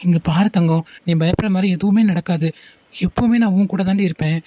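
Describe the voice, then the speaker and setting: A woman's voice: on the low side, highs cut off, very noisy, close to an everyday voice. A woman voicing a loving, protective young man in a homemade cartoon, soothing and reassuring. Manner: soothing, reassuring, quick talking. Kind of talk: homemade animated cartoon dialogue.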